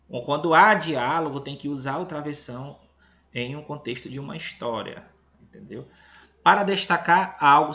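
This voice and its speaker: A Brazilian teacher from Tocantins, with a Brazilian Portuguese accent, reads a school lesson aloud to children in a high-leaning, gravelly voice with a sharp tone. He is patient, often checking in with "entendeu?" and "beleza?", and playfully teases about giving away the answers.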